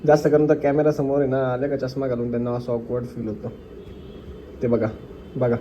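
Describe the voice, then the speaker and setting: A man's voice: mid-range voice, little pitch movement, fairly quick, dull audio, slight background noise. A young man with a Marathi accent, teasing and joking in casual couple vlog banter. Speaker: vlogger, husband.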